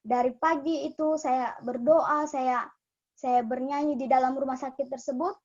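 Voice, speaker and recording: A woman's voice: high-pitched, steady tone, normal speed, darkish tone. A young woman giving a personal testimony at a church cell group, earnest and emotional, often stopping to restart her sentences. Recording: dull lo-fi sound.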